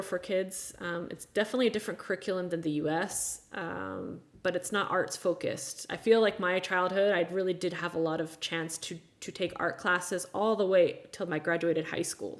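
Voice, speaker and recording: A woman's voice: fairly low pitch, fairly even intonation, fairly quick, few pauses. A woman in her thirties from the United States, hosting a casual live chat, talking frankly with exasperated, sarcastic asides. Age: 30s. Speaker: livestream host.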